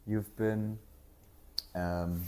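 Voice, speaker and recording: A man's voice: lowish voice, flat delivery, extremely slow, mellow. A man hosting a podcast interview, asking questions and giving short encouraging responses. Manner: short encouraging backchannels, asks questions with some fillers. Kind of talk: casual conversational interview.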